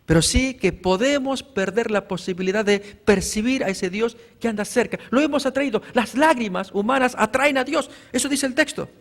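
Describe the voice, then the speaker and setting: A man with a notably high voice preaches a sermon as pastor. He reads scripture with emphatic rises and speaks to his listeners as brothers. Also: moderate pace, hardly any pauses, in a large hall. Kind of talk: evangelistic sermon.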